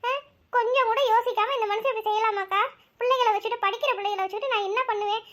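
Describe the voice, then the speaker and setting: A woman voices a distressed cartoon aunt who pleads tearfully to her family. The voice is high, bright and fast. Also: steady tone. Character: distressed aunt Selvi, wronged wife.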